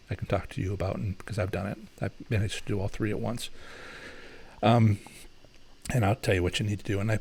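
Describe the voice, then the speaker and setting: The host of this live Q&A stream is a man with a fairly low, gravelly, somewhat mellow voice. Taking viewer questions, he speaks loosely with many fillers and restarts, explaining things and handing out advice.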